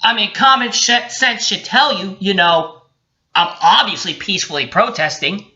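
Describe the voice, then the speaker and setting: A man vlogger with a high-sitting, sharp voice rants casually at normal speed while reading a report, swearing often and sounding indignant and sarcastic. The recording has a dull lo-fi quality.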